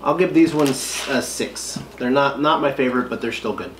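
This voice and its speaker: A woman's voice: extremely low pitch, moderate pace. A woman hosting a family vlog, casually reading snack packages aloud, counting down and giving ratings. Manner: reads package text, counts down, gives ratings. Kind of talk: casual snack taste-test chat. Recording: echoey room, faint hiss.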